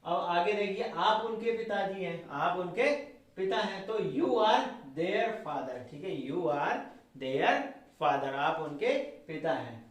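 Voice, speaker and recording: A man teaching a grammar lesson. He keeps asking his students questions, answers them himself, and ends lines with a quick "theek hai.". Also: high-pitched. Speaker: English teacher. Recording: very echoey room, voice from far off the mic.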